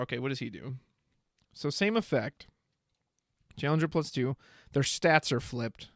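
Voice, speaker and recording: A man's voice: mid-range voice, no echo, studio quality. A man streaming live, casually thinking aloud as he reads card text and chat comments. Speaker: streamer reviewing trading card spoilers.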